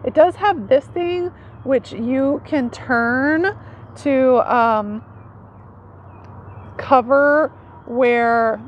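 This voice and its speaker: Her voice sits high and moves extremely slowly, with frequent pauses, as this woman in her forties explains her knives to camera. She's a foraging teacher speaking informally, like someone showing gear, and often asks "right?" for agreement. She's outside under a tree in a leafy yard, recorded with dull sound and outdoor ambience.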